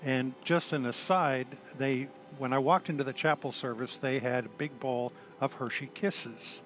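An older man, a retired army chaplain, telling his story in a halting, self-deprecating way with dry humor. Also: mid-range voice, fairly bright tone. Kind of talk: conversational storytelling.

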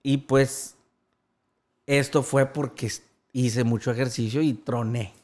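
A man's voice: medium pitch, fairly even intonation, takes it slowly, darkish tone. A man, an interview guest earnestly retelling a personal story and quoting the voices of others.

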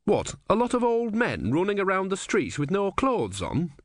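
A man's voice: sits high, huge pitch swings, moderate pace, no room sound, studio quality, voice pushed up. A man voicing a naive, earnest young male novice who sounds puzzled and innocent.

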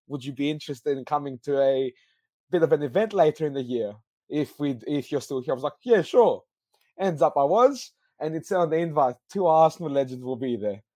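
A young man from Greece, a guest on a football podcast, telling a story in a lively, laughing way. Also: fairly high pitch, dry recording. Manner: animated, laughs through his story. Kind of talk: casual storytelling chat.

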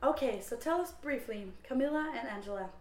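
A woman's voice: high voice, animated, fairly quick, a little mellow. Chatty woman host in an echoey studio. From Norway. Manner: chatty, enthusiastic questions. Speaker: podcast host. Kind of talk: interview.

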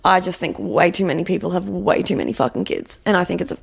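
A woman's voice: fairly low pitch, sing-song, fast, vocal fry, slightly rough. A woman, co-hosting a casual podcast chat and speaking bluntly. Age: 20s. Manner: blunt, swears freely. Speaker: podcast co-host.

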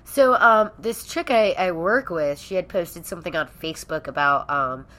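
A woman's voice: fairly low pitch, normal speed, sharp tone. A woman co-hosting a podcast in casual chat, blunt and swearing freely. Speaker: podcast co-host.

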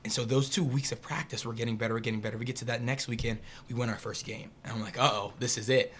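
A young man from the Pittsburgh area, a podcast guest, telling a story in an animated, casual way and acting out the voices of people he quotes. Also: mid-range voice, fast, a little hiss or hum.

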